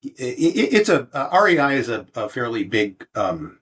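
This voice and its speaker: Speaking as a guest in an informal interview, a man of seventy from the United States hesitates often, restarting and using fillers. He sounds very animated at a normal speed, with a medium pitch, a slightly bright tone, and a breathy edge.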